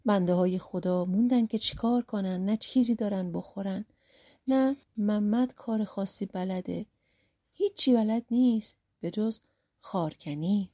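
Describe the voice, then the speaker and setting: Husky woman telling a folk tale. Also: medium pitch. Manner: lively storyteller with dramatic emphasis. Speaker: audiobook narrator.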